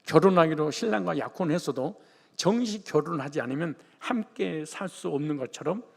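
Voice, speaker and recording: A man from the Jeolla region preaches in a loose, joking, conversational way. His voice sits high for a man and has a gravelly edge. A long hall reverb trails behind every phrase. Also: lively intonation, moderate pace, darkish tone. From Jeolla region, Korea. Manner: colloquial, joking preaching style. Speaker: pastor. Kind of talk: sermon.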